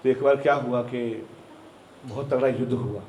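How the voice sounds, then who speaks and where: A man's voice: mid-range voice, normal speed, echoey room, a little hiss or hum, rough recording. A man telling a devotional story as a sermon, acting out the characters and slipping English phrases into his talk. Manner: animated storyteller who acts out characters and mixes in English phrases.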